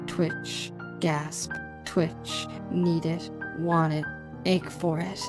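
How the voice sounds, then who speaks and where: A woman delivering an erotic hypnosis monologue for adults, speaking intimately close in the listener's ear in a commanding, deliberate, repetitive way. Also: deep voice, level tone. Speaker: hypnosis narrator. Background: music.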